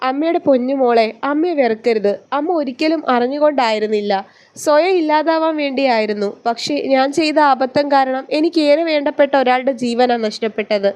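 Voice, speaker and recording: A woman's voice: high-pitched, a little fast, darkish tone, voice pushed up, lightly acted. A woman voicing an anguished middle-aged mother in a read-aloud storybook, speaking in a raised, pleading voice. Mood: tearful pleading.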